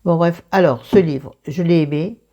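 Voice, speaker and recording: A woman with a croaky morning voice and vocal fry, chatting casually through a book review in a self-mocking, digressive way, thinking aloud. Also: lowish voice, normal speed, mellow, dull audio.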